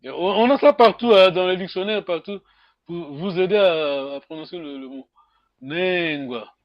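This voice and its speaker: A man teaching a language class online, questioning his students, with slow speech and many hums. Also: sits high, no room sound, lo-fi sound. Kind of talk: online group lesson.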